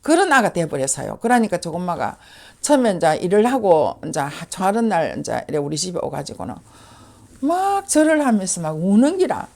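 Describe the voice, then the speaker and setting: A woman's voice: on the low side, sing-song, fairly quick, creaky, a little mellow. A woman shaman with a Gyeongsang accent, telling a story in casual chat and acting out the voices of the people in it.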